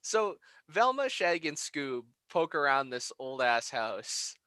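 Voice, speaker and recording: A man with a bright, fairly high voice co-hosts a casual review podcast. He laughs often and swears freely as he talks. The sound is dry and close. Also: sing-song, a little slow, clean tone, dry recording. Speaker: podcast co-host.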